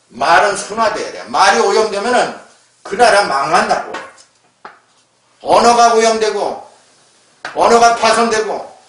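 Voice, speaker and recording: A man's voice: sits high, fairly bright tone, slight background noise. A man giving an emphatic, scolding lecture, often tagging rhetorical questions onto his points. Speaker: lecturer on word origins. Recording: echoey room, voice far from mic.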